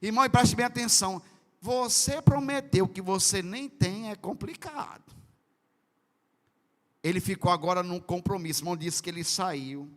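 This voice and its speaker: A Northeastern Brazilian man preaches with a very high, bright, ringing voice. He acts out dialogue and jumps into sudden loud outbursts. The long reverb of a large church hall trails behind every phrase. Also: moderate pace. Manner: preaching with sudden loud bursts and dramatized quotes. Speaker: pastor. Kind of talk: Pentecostal sermon. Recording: reverberant church sound system.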